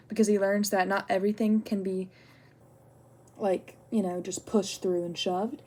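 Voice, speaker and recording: A young woman student talks through her notes in a loose, rambling way, with a middling pitch and plenty of "like" and "um." She speaks candidly and gets heated when her story turns personal. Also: mellow. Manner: chatty, lots of "like" and "um". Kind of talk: casual spoken assignment response.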